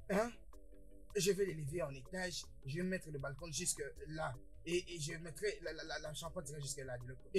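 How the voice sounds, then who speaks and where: An actor dubbing a boastful, excitable older brother in a French-dubbed film, who stammers and repeats words. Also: male voice, fairly high pitch, natural voice. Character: boastful excitable older brother, newly rich, quick-tempered. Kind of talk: French dub of a Nigerian film.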